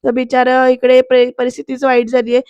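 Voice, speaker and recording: A woman's voice: sits high, completely flat delivery, fairly quick, a little mellow, clean tone, no room sound, muffled recording. A woman narrating a voice-over review of a TV serial, retelling the scenes with quoted dialogue and speaking directly to her viewers.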